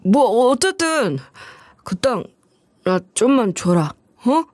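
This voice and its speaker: A woman's voice: on the high side, sing-song, takes it slowly, darkish tone, no room sound. A woman voicing a greedy, scornful middle-aged ex-husband who wheedles and sneers in coarse speech. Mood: pleading.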